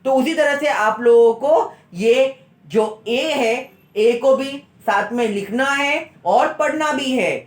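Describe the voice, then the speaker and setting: Slow, patient male teacher in an echoey room. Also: very high-pitched. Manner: patient, repeats and spells out letter sounds one by one. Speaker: school teacher. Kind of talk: recorded Hindi lesson for young children. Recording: roomy echo.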